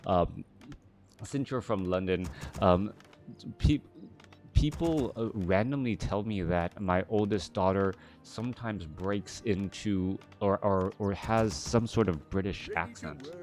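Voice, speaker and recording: A man in his thirties calls a live strategy game, his voice sitting a little on the low side. He rambles off topic easily, restarting sentences and piling on fillers as he chats with his viewers. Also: takes it slowly, a little mellow. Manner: rambling, chatty, many restarts and filler words. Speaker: game caster. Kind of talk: live game commentary with casual chat.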